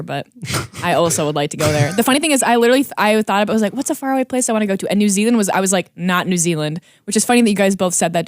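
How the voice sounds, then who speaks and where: A woman's voice: fairly low pitch, no room sound, clean studio sound. A young woman chatting as a podcast guest, giggly and talkative, often trailing off mid-sentence. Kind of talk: casual chat.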